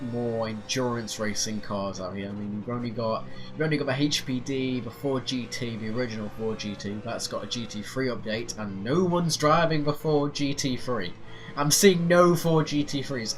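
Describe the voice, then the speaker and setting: This sim racing channel host speaks at medium pitch with a slightly bright tone, his voice thick from a stuffy cold. Driving a racing sim, he offers loose, wandering commentary, hesitating often and restarting sentences amid many fillers. The sim's engine noise comes through clearly behind his off-center desk mic.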